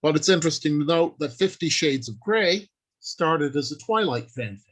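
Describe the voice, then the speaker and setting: This writer and convention panelist has a slightly high, expressive voice at an ordinary pace. His talk is informal and instructional: plain explanations, stress on the main points, some of it improvised from his notes.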